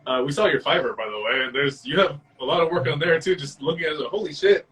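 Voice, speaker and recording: A male co-host with a somewhat high voice, full of enthusiasm, swearing and laughing often. He sounds a little distant from the microphone. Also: fast talker, a bit bright. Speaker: podcast co-host. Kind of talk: casual podcast chat.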